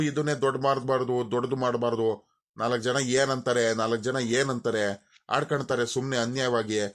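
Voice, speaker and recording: A man's voice: fairly high pitch, lightly acted. A man voicing a scolding village father. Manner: scolding, grumbling, repeats himself. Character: angry worried father, village landowner, middle-aged man. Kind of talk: cartoon voice acting.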